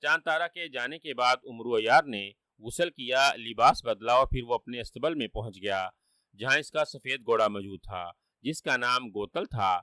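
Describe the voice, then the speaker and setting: Bright-voiced male storyteller. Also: mid-range voice, no echo. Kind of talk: scripted story narration.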